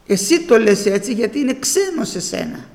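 A man's voice: extremely high pitch, very animated, darkish tone, reverberant, in a large hall. A man preaching a sermon with fervour, his voice rising into exclamations as he speaks.

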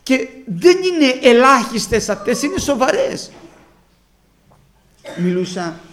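A man preaching a sermon to his congregation, retelling conversations and swinging between soft asides and emphatic bursts. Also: extremely high pitch, very animated.

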